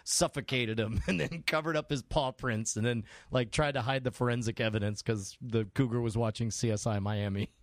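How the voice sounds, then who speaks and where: A man's voice: medium pitch, a little fast, hardly any pauses, dry recording, clean studio sound. A man co-hosting a comedy podcast, rambling goofily while playing detective and laughing often. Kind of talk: improvised comedy banter.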